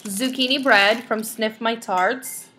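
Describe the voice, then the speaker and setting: A woman's voice: fairly high pitch, fairly even intonation, slow pace, bright, forceful tone, a little hiss or hum. A young woman casually chatting to viewers in a rambling, bubbly way while reading out product names one by one. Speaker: vlogger showing wax melts. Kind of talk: casual chatty haul vlog.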